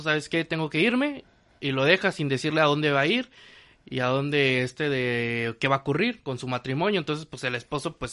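A man's voice: medium pitch, pushed and bright. A man retelling a horror film casually, rambling with lots of fillers and restarts. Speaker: film recap host.

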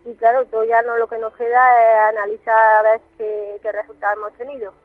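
A woman's voice: fairly high pitch, little pitch movement, fairly quick, no room sound. A woman reporting by phone on a night radio show over a poor line that keeps breaking up, speaking hesitantly and repeating words. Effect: phone line with poor coverage, breaking up. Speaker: paranormal investigator reporting by phone. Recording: tinny phone line with faint music.

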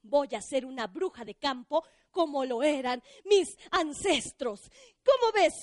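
A frazzled city witch, voiced by a woman storyteller, high-pitched and dramatic as she frets and exclaims. She fusses at everything around her. The sound is close and dry. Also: lively intonation, unhurried, no room sound. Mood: exasperated. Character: frazzled female city witch, stressed, fussing.

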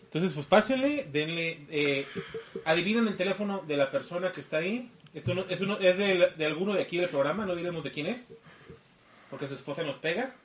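A man's voice: high-pitched, lively intonation, a little fast. A man with a Mexican accent co-hosting a podcast with casual live-stream banter. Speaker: podcast co-host. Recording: echoey room, faint noise.

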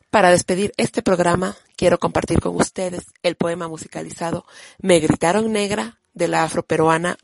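A woman radio host reading a scripted program in a steady, formal way. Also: on the low side, creaky, dry recording.

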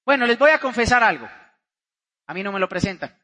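High-voiced Colombian man telling stories from a stage. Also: brisk. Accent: Colombian, Santander. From Santander, Colombia. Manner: animated storyteller, asks the crowd questions. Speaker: motivational speaker. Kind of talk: motivational seminar talk to a live audience.

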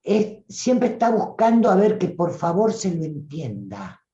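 A woman with a Rioplatense Spanish accent, a voice coach giving an animated live-streamed talk who acts out voices and calls listeners "tribu". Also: fairly low pitch, a little slow, roomy sound, lo-fi sound.

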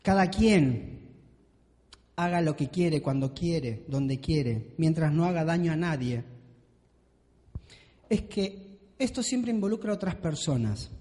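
A man's voice: on the high side, expressive, slow pace, long pauses, mellow. A man preaching a sermon to a congregation in a church hall, driving his points home with repeated rhetorical questions. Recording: long reverb of a large hall.

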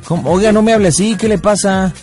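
A man's voice: high-pitched, fast, a little mellow, faint music behind. A Mexican man making a prank call on a radio show, cheeky and mocking, full of slang.

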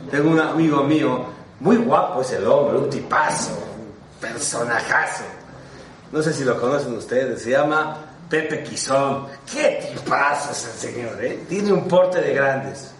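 A rabbi teaching a class delivers a sermon, telling animated stories and putting rhetorical questions to his audience. His medium-pitched voice is a little slow and is picked up by a distant mic in a roomy, echoing room.

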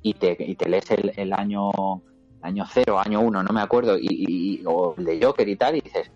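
A man with a Spanish accent talking casually on a podcast in a low voice, rambling and doubling back on his words. The recording sounds dull and lo-fi, with faint music underneath. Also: moderate pace, darkish tone. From Murcia, Spain; raised in Madrid. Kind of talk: casual chat.

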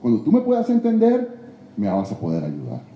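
A man preaching a sermon in a church, emphatic, swinging between loud exhortation and hushed confession. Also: medium pitch, huge pitch swings, normal speed, lo-fi sound, a little hiss or hum. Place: church sanctuary. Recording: echoey church hall.

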